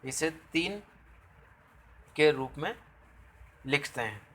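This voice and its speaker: A male teacher gives a slow, careful grammar lesson. His voice is bright and crisp, and he asks rhetorical questions as he sounds out each example. A faint noise sits under the recording. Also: fairly high pitch, animated, rough recording.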